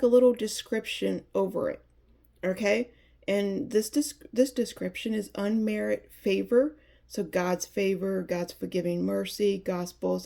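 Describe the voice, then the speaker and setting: Woman reviewer, gravelly and a little nasal, chatty and excited, stumbles and restarts. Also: mid-range voice. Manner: chatty, enthusiastic, restarts often. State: nasal from allergies. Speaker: Bible reviewer. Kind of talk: casual product review.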